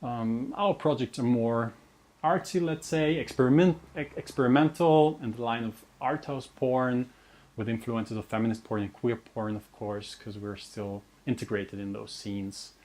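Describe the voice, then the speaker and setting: Speaking at a measured pace in a medium-pitched, slightly mellow voice, a young adult man introduces his interview series to camera from a script. English is his second language, and he has an Austrian German accent. As host and researcher, he comes across as earnest and self-deprecating, often starting words over.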